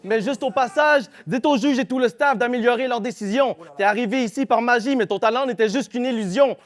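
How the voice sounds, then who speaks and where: A man from Quebec with a Québécois accent rapping a live battle verse. His voice sits very high for a man. He hits his rhymes hard and confrontationally. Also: brisk. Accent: Québécois French. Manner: aggressive rhymed delivery, punchy and confrontational. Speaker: battle rapper. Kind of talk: live battle rap performance.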